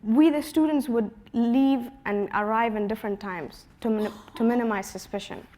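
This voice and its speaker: A woman in her twenties from Afghanistan, giving a prepared personal talk in an earnest storytelling manner, her voice dropping softly at the ends of phrases. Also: fairly high pitch, normal speed. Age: 20s. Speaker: conference speaker.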